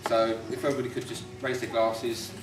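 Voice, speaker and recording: A man's voice: mid-range voice, little pitch movement, quick pace, over music. A British man giving an informal, teasing wedding toast as the groom. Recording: distant mic, roomy, loud crowd noise. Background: noisy wedding guests.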